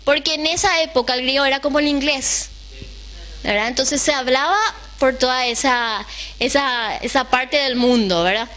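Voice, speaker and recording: A woman's voice: high voice, normal speed, a bit bright. A woman teaching a Bible lesson to a class, often putting questions to the room and checking that they follow. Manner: keeps asking the class questions, checks in with "right?".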